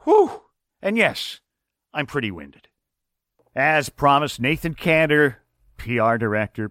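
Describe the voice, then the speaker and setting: Man, sports radio host, rapid trade rundown, dry sound, middle pitch. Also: a bit bright, no room sound.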